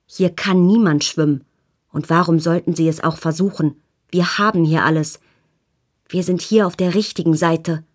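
A woman's voice: low voice, fairly even intonation, moderate pace, warm tone, husky. A woman voicing a menacing grieving man. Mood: agitated. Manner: agitated, threatening. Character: bitter grieving middle-aged man, menacing.

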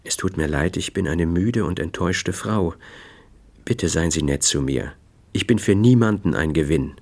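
A man's voice: sits low, normal speed, darkish tone. A man voicing a proud, guarded adult woman in an audiobook, talking with slightly raised indignation. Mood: weary. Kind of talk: audiobook character voice.

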